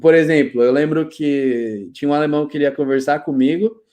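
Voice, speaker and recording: A Brazilian man in his thirties, a guest telling stories in a relaxed, slangy, animated way over a video call. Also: fairly high pitch, fairly quick. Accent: Brazilian Portuguese. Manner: lively storyteller, slangy, laughs often. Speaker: guest, IT specialist. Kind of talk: casual interview chat.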